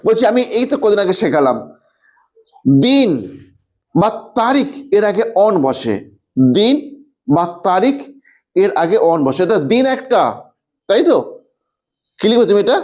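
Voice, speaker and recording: High-voiced male grammar teacher quizzing students. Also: big pitch swings, a little mellow. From West Bengal, India. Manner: coaxing, quizzes students with rhetorical questions; repeats phrases slowly while writing on a board. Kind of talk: online class lesson.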